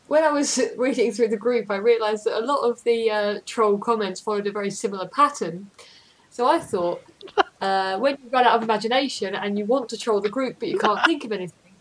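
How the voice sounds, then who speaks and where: A woman's voice: fairly high pitch, a little hiss or hum, rough recording. A woman telling teasing stories in a casual podcast chat, often giggling.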